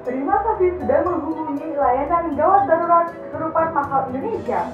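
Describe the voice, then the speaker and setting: A woman's voice: sits high, brisk, music in the background, natural voice. A woman playing an automated emergency hotline operator, speaking in a formal, polite customer service voice. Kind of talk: scripted customer service phone announcement. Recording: muffled, band-limited, echoing phone line.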